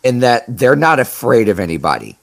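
Brief: male sports-talk co-host, mid-pitched, breaks down hockey in long analytical runs. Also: very animated, a little fast, creaky. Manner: analytical, long run-on explanations, stretches words for emphasis.

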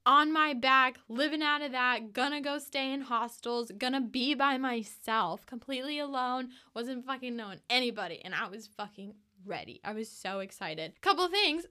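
A woman's voice: high-pitched, normal speed, hardly any pauses, sharp tone. A young American woman hosting a casual solo storytelling podcast, chatty and emphatic, swearing freely. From United States. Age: young adult. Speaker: podcast host.

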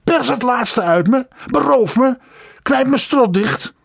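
Guy putting on a screechy old dad losing it, way high, yelling, kinda gravelly. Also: lively intonation, slow pace, heavily acted. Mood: hysterical. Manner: shrieking, furious ranting. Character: raging miserly old father, tyrant.

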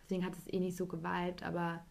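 A woman's voice: lowish voice, completely flat delivery, fast, gravelly, darkish tone. A woman in her twenties, a podcast host, telling a personal story in casual chat and acting out what others said. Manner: rambling storytelling, acts out others with 'und ich so'.

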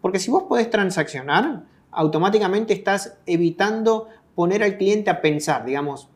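A man's voice: sits high, expressive, moderate pace. A man in his thirties from Argentina, explaining things casually as a guest expert and checking in with listeners. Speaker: guest, digital marketing expert.

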